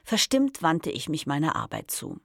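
Low, creaky woman narrating a novel. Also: wildly swooping pitch, moderate pace, no room sound, studio quality. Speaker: audiobook narrator. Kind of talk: first-person novel narration.

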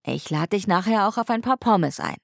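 A woman reading an audiobook, voicing a calm, gently teasing young man who talks slowly and easily. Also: mid-range voice, creaky, no echo, clean studio sound.

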